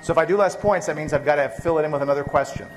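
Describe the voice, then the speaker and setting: Here a biochemistry professor, his voice a little high and his delivery rapid-fire, lectures university students in a hall. The recording is rough; he's catching a cold, coughs from time to time, and speaks loosely with frequent fillers and restarts.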